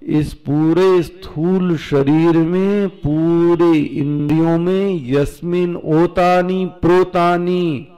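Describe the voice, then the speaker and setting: Indian swami, unhurried scripture discourse, soft dark tone, asks and answers himself. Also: male voice, fairly high pitch, fairly even intonation, clear, resonant tone. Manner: rhetorical questions answered himself; slow, drawn-out recitation of Sanskrit.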